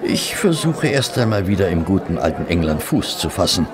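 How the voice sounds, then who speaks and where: An actor playing Dr Watson, a weary, rueful army doctor back from war, narrating and talking in a radio play. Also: male voice, deep voice, sing-song, moderate pace. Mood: friendly. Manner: rueful, weary, warmly polite. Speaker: narrator and character. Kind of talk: German radio play acting. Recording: restaurant crowd murmur behind. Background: restaurant chatter.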